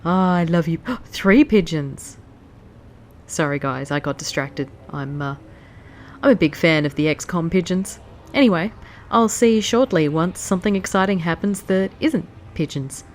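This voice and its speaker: A let's play host with a voice on the low side talks expressively at a moderate pace while playing a strategy game. Hay fever has made her sound stuffy and nasal. She keeps the commentary casual, chatty and easily distracted.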